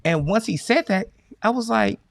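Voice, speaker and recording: A man's voice: high-pitched, normal speed, creaky, no echo. Profane storytelling man, dry sound. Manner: animated storytelling, profane slang. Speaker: podcast co-host. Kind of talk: casual chat.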